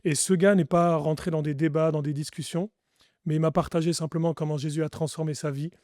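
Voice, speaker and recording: A man's voice: a little high, fairly even intonation, brisk, dark tone, dry recording, clean studio sound. A French man, a pastor, giving his testimony in an earnest, reflective way with frequent restarts. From France. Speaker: pastor, podcast guest. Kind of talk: testimony interview.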